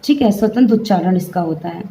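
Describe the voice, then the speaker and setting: A woman's voice: lowish voice, animated, fast, vocal fry, warm tone, slight background noise, low-quality recording. A woman teaching a grammar lesson, explaining step by step and having the class say the sounds aloud.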